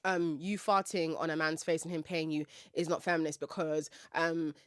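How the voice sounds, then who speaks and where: A woman's voice: low voice, fairly even intonation, moderate pace, no echo, clean studio sound. A woman hosting a conversational podcast, articulate and opinionated, affirming her guest as she talks. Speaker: podcast host.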